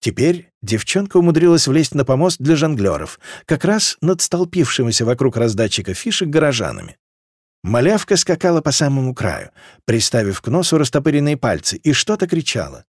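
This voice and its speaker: A man narrating a fantasy novel as an audiobook, in an expressive, dramatic reading. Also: medium pitch, fairly quick, slightly rough, dry recording, studio quality.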